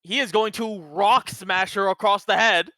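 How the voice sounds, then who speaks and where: Slow, bright-voiced player. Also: mid-range voice, no room sound. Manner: narrates character actions. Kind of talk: casual tabletop game chat.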